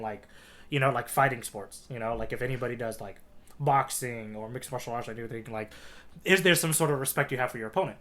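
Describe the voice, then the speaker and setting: With a sharp tone in a mid-range voice, a man co-hosts a podcast in casual discussion, frequently tacking a questioning "right?" onto the points he makes.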